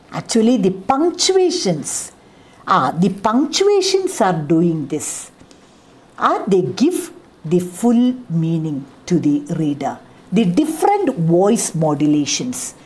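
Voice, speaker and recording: A woman's voice: on the low side, a little mellow. A middle-aged woman from India with a Kerala English accent, giving a college literature lecture and explaining with repeated examples and many "ah, see" fillers. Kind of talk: classroom lecture.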